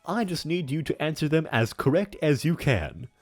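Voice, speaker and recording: A man's voice: fairly high pitch, animated, normal speed, breathy edge, pitched above the performer's own voice. A man voicing a businesslike, mildly exasperated job interviewer with formal, insistent questioning in a comic dramatic reading.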